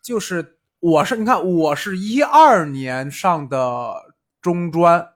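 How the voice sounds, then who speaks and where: A man, chatting as a podcast host and telling school stories, acting out the quotes he tells. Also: slow. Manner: animated storyteller, acts out quotes with big pitch jumps. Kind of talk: casual chat, storytelling.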